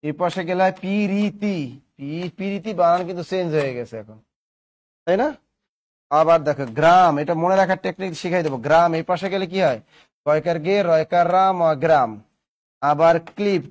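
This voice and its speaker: Man, high voice, grammar lesson, call-and-response quizzing. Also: moderate pace. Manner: asks questions and answers them himself, playful examples. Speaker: grammar teacher.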